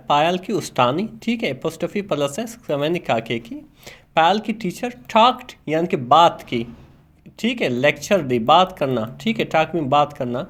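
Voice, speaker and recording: A man teaches English through a story, in a voice a little higher than most men's. He breaks each sentence into single words and translates them. He often stops to ask himself what comes next. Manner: repeats and translates each word, asks himself questions. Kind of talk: explaining an English story line by line.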